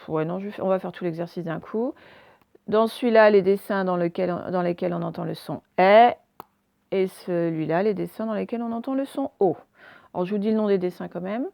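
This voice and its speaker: A woman teacher giving a recorded phonics lesson for young children, sounding out each word clearly and stressing the target sounds. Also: medium pitch, no room sound.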